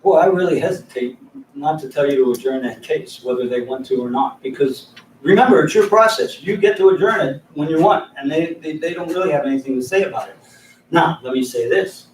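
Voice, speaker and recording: A man's voice: a little high, fairly quick, slight background noise. A man giving an informal mediation training lecture to a group in a room, telling anecdotes and chuckling between his points. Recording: echoey room, mic far off.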